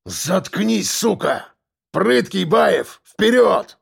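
A shrieking convict gang boss. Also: male voice, very animated, very slow, gravelly, breathy edge, exaggerated voice. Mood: furious. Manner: bellowing, swearing, shrill shouting. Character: furious loud male convict gang boss. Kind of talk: audiobook character voice.

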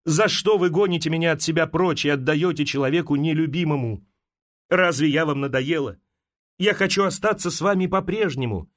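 Desperate young noblewoman, pleading, tearful, high voice, man doing the voice. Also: brisk, close to an everyday voice.

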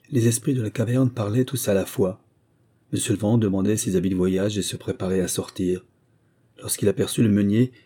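A man narrating a fairy tale as an audiobook in a measured storytelling voice. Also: fairly low pitch, warm tone, husky.

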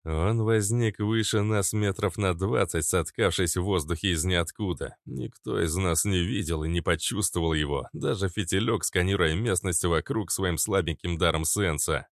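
A man narrating an adventure audiobook in the first person, steady and even, on a close studio mic. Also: low-pitched, normal speed, few pauses, dry recording.

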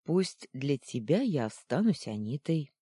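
A storyteller voicing a kind, gentle aunt who talks soothingly in an audiobook. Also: mid-range voice, big pitch swings, measured pace, breathy edge, no room sound, studio quality. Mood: amused.

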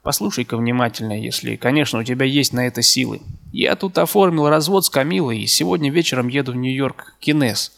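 A man reading the lines of a restless young man who hurriedly says goodbye to his sick friend in an audiobook, with a gravelly voice. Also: medium pitch, lively intonation, fast talker, fairly bright tone.

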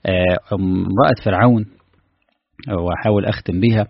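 A man's voice: low-pitched, moderate pace, creaky, breathy edge, dry recording, lo-fi sound. A male preacher with an Egyptian Arabic accent gives a conversational sermon. He talks earnestly and keeps asking his listeners rhetorical questions.

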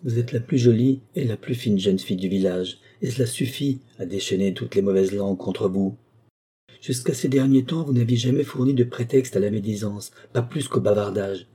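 A man reading the part of an aging village lawyer who talks slowly and gently, pausing heavily. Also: fairly low pitch, husky. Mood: grave. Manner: slow, gentle and pleading, with heavy pauses.

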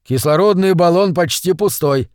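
A man's voice: high-pitched, moderate pace, a little mellow, no room sound, voice pushed up, lightly acted. Man reading a practical, speculating man, audiobook, dry close sound.

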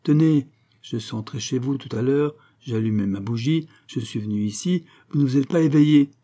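A man reading an audiobook and voicing a smooth-talking, menacing male villain with falsely genial politeness. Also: medium pitch, normal speed, dark tone, close to an everyday voice. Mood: mock-polite.

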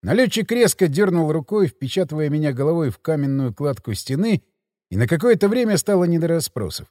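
A man's voice: fairly high pitch, big pitch swings, brisk, mellow, no room sound. A man reading a first-person thriller audiobook in tense, dramatic scripted narration on a close mic.

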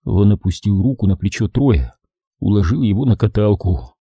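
A man reading an audiobook as narrator, in a steady, measured voice. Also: fairly low pitch, breathy edge, no room sound, muffled recording. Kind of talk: scripted narration.

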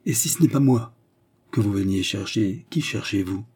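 An all-knowing count speaks with icy irony and calm command, as a man reads him in an audiobook. The voice is dark and husky, a little raised in pitch. It carries quiet authority. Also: normal speed. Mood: ironic. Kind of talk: audiobook reading.

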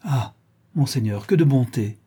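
Narrator doing a deferential young gentleman, husky and mellow, storybook reading. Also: mid-range voice, expressive, unhurried. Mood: respectful. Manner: deferential, explanatory. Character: respectful young nobleman messenger. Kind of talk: audiobook reading.

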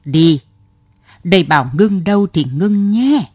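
Reading a storybook, a woman voices a stubborn passenger in her seventies who gives curt answers, stays unruffled, and won't get off. Her voice is on the low side and darkish, slightly rough, unhurried, with lively intonation. The recording is a clean studio one with no room sound.

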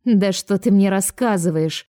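A woman voicing an elderly aunt, now young-looking, who is indignant and excitable. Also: mid-range voice, normal speed, no echo, clean studio sound, close to an everyday voice. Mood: exasperated.

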